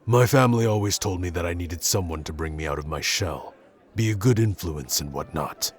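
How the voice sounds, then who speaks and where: In an intimate roleplay audio addressed to the listener, a man plays a gruff, awkward young tsundere prince who talks haltingly and grudgingly. His low-pitched, natural voice comes across shy and reassuring, with music playing in the background.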